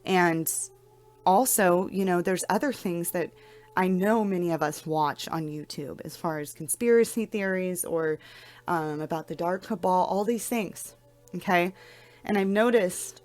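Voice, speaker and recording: A young adult woman speaks in a soft-spoken, somewhat low voice, often repeating words as she restarts her thoughts. She talks casually about spiritual matters, as if to viewers of her vlog. Soft music plays faintly behind her. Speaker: spiritual vlogger. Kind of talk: casual spiritual talk to camera.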